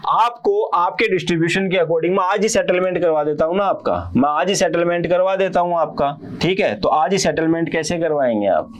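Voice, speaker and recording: A young man teaching commerce in a casual lecture, acting out a quarrel between business partners and their accountant, and often asking his students quick check-in questions. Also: fairly high pitch. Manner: acts out partners' quarrels with a CA in quoted voices. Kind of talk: casual Hindi lecture with playful storytelling.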